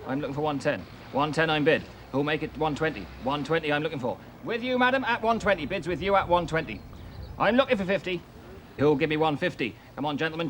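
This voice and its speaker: An actor playing a brisk auctioneer in a TV drama, calling bids in rapid, repetitive patter. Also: male voice, a little high, fairly bright tone, a little hiss or hum.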